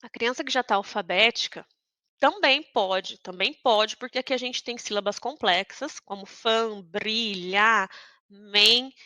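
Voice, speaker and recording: A woman's voice: on the high side, a little slow, bright, forceful tone, no echo. A woman from Brazil who teaches reading and writing, explaining step by step and often checking in with her listeners. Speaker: literacy teacher. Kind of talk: teaching lesson.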